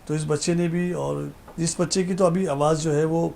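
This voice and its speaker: A man's voice: a little high, fairly even intonation, vocal fry, dark tone. A man on a TV panel judging young reciters, speaking reflectively and critically. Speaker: naat competition judge.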